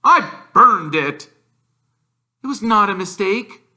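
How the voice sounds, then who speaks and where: A man's voice: high-pitched, animated, bright, forceful tone, voice pushed up, exaggerated voice. A man voicing a blustering, short-tempered uncle in a storybook, strained and sputtering as he gives orders or forces out politeness. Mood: angry, snapping. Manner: sputtering, halting, barking orders.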